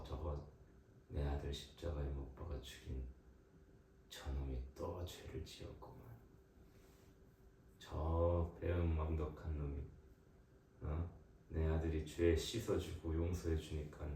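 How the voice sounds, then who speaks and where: Stern scornful deity muttering low, put on by a preacher; echoey room, distant mic. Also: male voice, level tone, a little slow, long pauses, warm tone, slight background noise. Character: grumbling stern God, scornful of a sinner.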